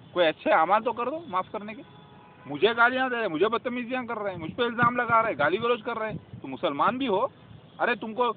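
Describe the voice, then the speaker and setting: A man preaching to his viewers in a fervent, scolding religious monologue full of rhetorical questions. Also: sits high. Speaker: self-styled religious preacher. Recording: tinny phone-like audio with faint noise.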